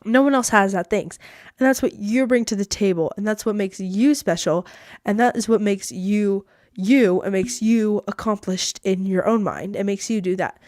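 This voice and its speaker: A teenage girl hosts her own solo podcast, rambling casually and poking fun at herself, with "like" cropping up constantly. Her medium-pitched, darkish voice moves at normal speed, captured in clean studio quality with no echo.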